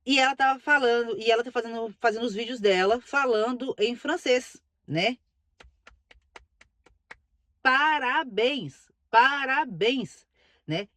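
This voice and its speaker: A middle-aged Brazilian woman vlogging in a relaxed, talkative way, leaning on repetition to drive her points home. Her voice sits a little high, and the sound is dry and close, with no room echo. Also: a little fast, few pauses. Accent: Brazilian Portuguese. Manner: chatty, emphatic, repeats herself for stress. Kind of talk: casual talk to camera.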